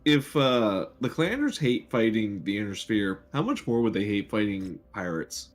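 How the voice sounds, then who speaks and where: A man's voice: fairly low pitch, very animated, moderate pace. Teasing man with a wildly swinging voice. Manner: teasing, jokey. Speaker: co-player. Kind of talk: casual gaming chat.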